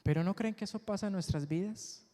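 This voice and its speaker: A man preaching a sermon, asking the congregation questions and answering them, swinging from loud high peaks to soft low endings. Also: a little fast. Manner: call-and-response questions to the congregation. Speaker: pastor. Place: church. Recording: long church hall reverb.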